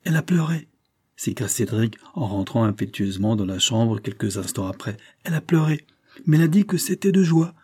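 A man reading an audiobook, voicing an earnest, excited little boy who has just become heir to a title. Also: on the low side, normal speed, hardly any pauses, breathy edge, dry recording, clean studio sound. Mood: happy. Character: eager, kind-hearted little boy heir.

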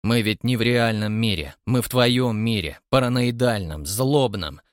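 A man reading an audiobook voices a shaken grown man who speaks hoarsely and bitterly. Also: mid-range voice, a little slow, no room sound, clean studio sound, lightly acted.

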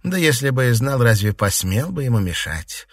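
A man voicing a furious, imperious noblewoman who scolds and interrogates her servants with shouts and sarcasm. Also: mid-range voice, very animated, normal speed, slightly rough, no room sound, studio quality, pitched above the performer's own voice. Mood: angry.

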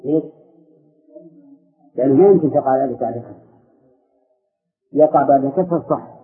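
A man's voice: medium pitch, brisk. A man teaching a classroom lesson on grammar, explaining verses and questioning his students as he goes. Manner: questions students and corrects them. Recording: tinny phone-like audio.

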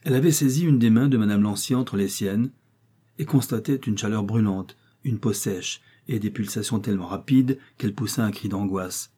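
Low, husky male audiobook narrator. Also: normal speed, warm tone. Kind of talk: audiobook reading of a novel.

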